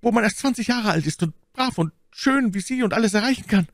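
A man's voice: high-pitched, lively intonation, fast talker, no room sound, clean studio sound, voice pushed up. A man voicing a wounded, cowardly soldier who begs for his life in a panicky, pleading way in an audiobook. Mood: frightened pleading.

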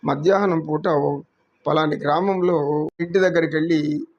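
A man with a Telugu accent, a yoga teacher telling a moral story in an unhurried, preachy way. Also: a little high, steady tone, highs cut off.

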